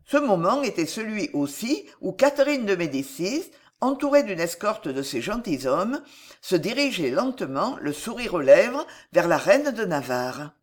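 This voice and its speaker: Slow, expressive audiobook narrator. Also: medium pitch. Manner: measured, expressive. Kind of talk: scripted narration of a historical novel.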